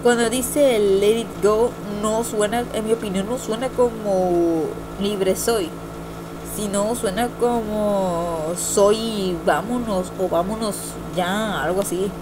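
Speaking slowly in a medium-pitched voice, an amateur video reviewer, a young woman, shares casual opinions on her vlog. She meanders, hesitates, and often repeats herself, and the home computer recording is amateur and noisy.

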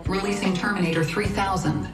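A woman's voice: mid-range voice, a little fast, loud music behind the voice, lightly acted. Woman voicing a stern security robot. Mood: stern alarm. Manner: flat, clipped alarm announcements. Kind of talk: game announcer voice.

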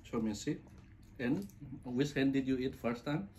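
Guy chatting at dinner with his wife, mellow voice, laid back and teasing, a bit of room noise. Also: medium pitch, measured pace. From Manipur, India. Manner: relaxed, asks questions, teasing. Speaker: vlogger and husband. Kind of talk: casual chat over a meal. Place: home kitchen or dining table.

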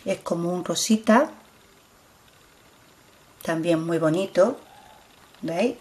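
A middle-aged woman with a Spain Spanish accent talks unhurriedly through a home product demo. Her voice sits a little low, and her speech is chatty and repetitive as she keeps asking viewers to look closely. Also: takes it slowly, a little mellow. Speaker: beauty vlogger.

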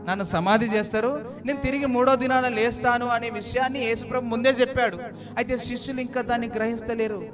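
A man preaching with a strikingly high voice, retelling the scripture story and acting out its dialogue, often repeating his phrases. The sound is dull and lo-fi. Music plays clearly behind him. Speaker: pastor. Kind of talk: Easter sermon.

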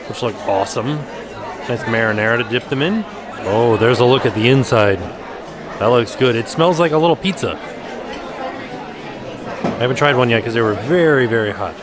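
A man vlogging casually, chatting enthusiastically about menus and food as he walks around. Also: mid-range voice. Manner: chatty, enthusiastic food commentary with frequent "ooh". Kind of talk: casual vlog narration. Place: outdoor shopping plaza and indoor restaurant.

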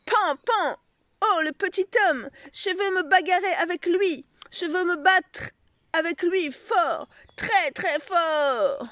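Woman voicing a rowdy cowboy cousin from a kids book, high and boisterous. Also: slow pace, a bit bright, dry recording, heavily acted. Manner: boisterous, play-fighting.

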